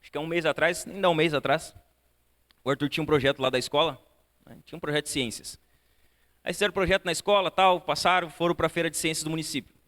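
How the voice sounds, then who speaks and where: High-voiced pastor guy telling a story in his sermon, keeps saying né and tal tal, church hall echo. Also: fast talker. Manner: animated storytelling, swinging between soft and loud; fills with repeated tags like "né" and "tal, tal". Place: church auditorium.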